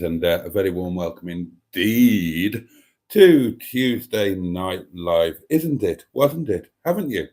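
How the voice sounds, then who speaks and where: A man's voice: lowish voice, dark tone. A British man hosting a casual livestream chat, effusive and camp, rambling theatrically to his listeners with playful endearments. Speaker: live show host.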